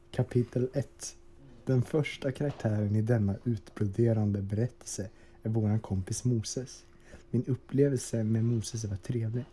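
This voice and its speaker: Male podcast host, very dark and husky, pompous mock-solemn delivery, video-call sound. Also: medium pitch. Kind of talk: mock-dramatic reading, then casual chat.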